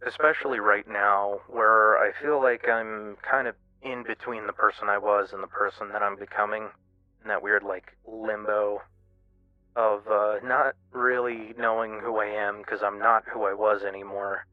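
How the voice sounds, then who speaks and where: Hesitant man, low voice, muffled recording. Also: fairly even intonation. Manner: hesitant, halting, self-reflective. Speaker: streamer. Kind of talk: candid personal monologue, casual. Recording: muffled, roomy lo-fi radio-like sound, music behind. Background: music.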